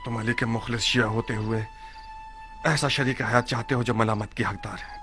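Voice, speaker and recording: Male voice for a furious warrior, gravelly, booming, bitter, over dramatic score. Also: steady tone, moderate pace, music in the background, close to an everyday voice. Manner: grave and bitter, erupting into shouted threats. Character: fierce warrior man, proud and quick to rage. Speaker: Mukhtar. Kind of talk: dubbed historical drama.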